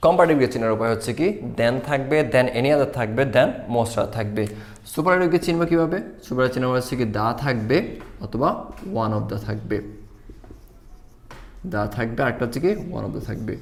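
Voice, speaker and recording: Fast-talking male grammar teacher. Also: mid-range voice. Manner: repetitive explaining, asks and answers own questions. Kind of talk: English grammar lesson.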